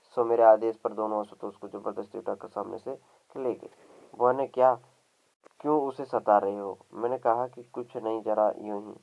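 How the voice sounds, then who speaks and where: A man's voice: fairly low pitch, fairly even intonation, normal speed, vocal fry, dull audio. A man teaching a literature lesson by reading a story aloud and lightly voicing its dialogue. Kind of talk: story reading for exam students.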